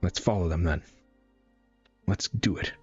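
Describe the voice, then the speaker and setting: Low husky man on a live stream. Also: measured pace, darkish tone, highs cut off, soft background music. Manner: rambling, many fillers and restarts. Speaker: webcomic reaction streamer. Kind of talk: casual live reaction, reading panels aloud.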